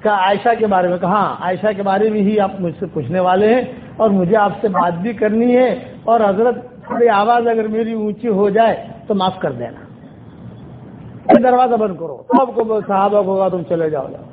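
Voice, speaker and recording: A man giving a Friday sermon in a mosque, retelling stories with quoted dialogue and emphatic repetition. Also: high voice. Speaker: preacher. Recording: tinny phone-like sermon recording with faint hiss.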